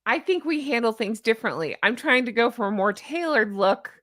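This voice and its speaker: A woman's voice: a little high, lively intonation, brisk, fairly bright tone, no echo, clean studio sound. A woman with a honking, goose-like voice hosting a casual reaction video in a jokey, exclamatory, chatty way. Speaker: YouTube host. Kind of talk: casual livestream-style reaction commentary.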